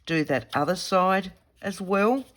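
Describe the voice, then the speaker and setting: At her desk, an Australian woman who hosts craft tutorials talks through a demonstration, her voice croaky with a head cold. Speaking slowly in a lowish, expressive voice, she chats casually, thinking aloud and fixing her words as she goes.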